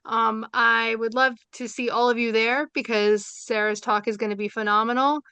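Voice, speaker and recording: A woman's voice: a little high, fairly even intonation, moderate pace, pushed and bright, clear, resonant tone, dry recording. A woman with a New York accent from Brooklyn, chatty and enthusiastic, with many fillers, wrapping up a webinar over a video call. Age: adult with young children. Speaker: seminar moderator. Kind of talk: closing remarks on a webinar.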